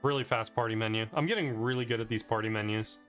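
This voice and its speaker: A man's voice: on the low side, quick pace, fairly bright tone, soft background music. A man casually reviewing his own speedrun, talking loosely with plenty of "like" fillers. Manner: rambling, loose, with frequent "like" fillers. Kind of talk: casual commentary over gameplay.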